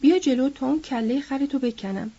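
Rough ranch hand taunting someone, woman reading it, husky voice. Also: high-pitched, dark tone, muffled recording.

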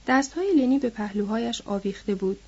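A woman reading a novel aloud in a steady storytelling manner, on a dull lo-fi recording. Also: fairly high pitch, breathy edge. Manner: steady storytelling, lifting her voice for quoted characters.

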